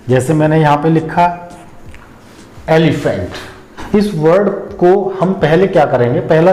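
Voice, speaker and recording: A man teaching English pronunciation, patiently explaining step by step and repeating example words slowly. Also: a little high, dark tone. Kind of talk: explanatory lesson. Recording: echoey room.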